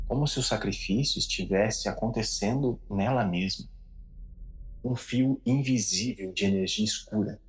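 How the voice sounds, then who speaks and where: A man giving a measured, dramatic scripted narration of a horror story. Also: lowish voice.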